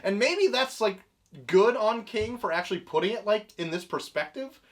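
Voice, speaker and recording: A man's voice: sits high, expressive, normal speed, slight background noise. A man co-hosting a casual comic-book review chat, making dry sarcastic asides and laughing often. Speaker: podcast co-host.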